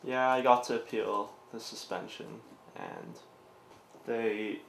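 A man's voice: lowish voice, steady tone, slow pace, vocal fry, reverberant, a little hiss or hum. A young man telling his story in a documentary interview with dry, sarcastic humor. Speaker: student interviewee.

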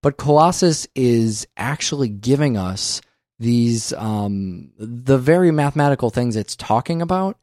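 A man co-hosting a casual film podcast, talking animatedly, swearing often and acting out scenes in quick voices. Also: medium pitch, expressive, darkish tone, no room sound, clean studio sound. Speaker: podcast co-host.

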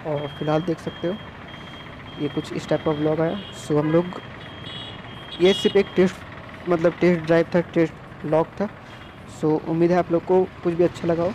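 On a scooter out in road traffic, a young moto vlogger from India narrates through a phone on his helmet chin mount, chatty and rambling, repeating himself. His voice is on the high side with little pitch movement, at a moderate pace with long pauses.

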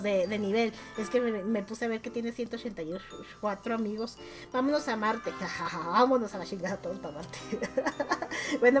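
A woman with a Mexican Spanish accent, chatting casually and teasingly as she rates her friends' game profiles, laughing often. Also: fairly high pitch. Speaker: gaming YouTuber. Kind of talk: casual chat while rating game profiles.

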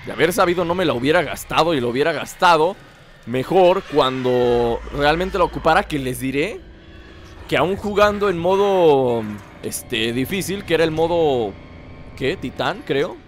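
A man's voice: on the high side, expressive, moderate pace, a little hiss or hum. A man with a Mexican accent giving playful, chatty gameplay commentary and teasing the enemies on screen. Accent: Mexican Spanish.

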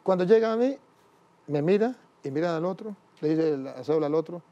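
A priest tells his life story in an interview, acting out every voice of the dialogue himself. His voice is fairly high for a man yet dark and mellow in tone. The recording sounds dull and muffled. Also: animated, a little fast.

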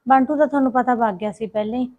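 A woman's voice: fairly high pitch, steady tone, racing, a little mellow, lo-fi sound, close to an everyday voice. A woman playing a dutiful daughter who answers politely and deferentially. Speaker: daughter in a family skit.

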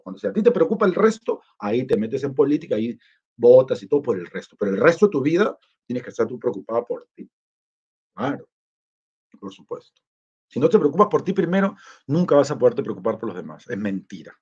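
Chatty man with a husky voice. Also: medium pitch, a little mellow. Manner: rambling and chatty, reads comments aloud and reacts. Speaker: travel vlogger reading live chat. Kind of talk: casual livestream chat. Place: indoors, in Lima. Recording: dull lo-fi sound.

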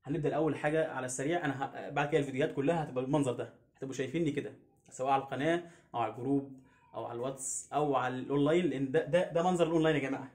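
A man with an Egyptian Arabic accent teaching English pronunciation online, drilling each word slowly and repeating it many times. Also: medium pitch, steady tone, darkish tone. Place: home teaching setup on camera.

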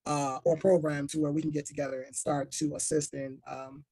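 A man's voice: fairly high pitch, little pitch movement, fairly quick, creaky, warm tone, dry recording. A man in a casual group chat, interjecting with enthusiasm. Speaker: podcast panelist.

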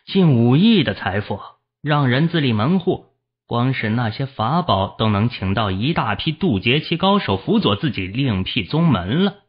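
Man, audiobook narrator, fantasy novel narration, steady storytelling, husky tone, dull lo-fi sound. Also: medium pitch, moderate pace. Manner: steady storytelling, voicing the characters.

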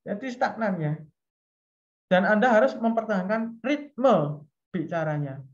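A man's voice: high-pitched, animated, unhurried. A man with an Indonesian accent, a lecturer giving a chatty online session on teaching tips, explaining step by step and acting out examples. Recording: dull lo-fi video call audio.

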